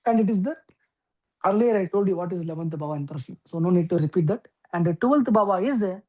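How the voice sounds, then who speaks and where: A woman teaching an astrology class, explaining step by step with frequent okays and pauses. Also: fairly low pitch, animated, dark tone, rough recording. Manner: explains slowly with many okays and fillers. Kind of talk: lecture.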